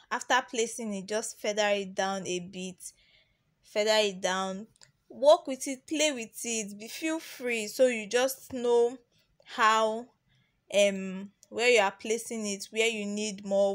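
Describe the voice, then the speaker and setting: A young Nigerian woman, a nail tech teaching beginners, narrates a tutorial as a voice-over in a chatty style full of ums, restarts and repetition. Her voice is mid-range and slow.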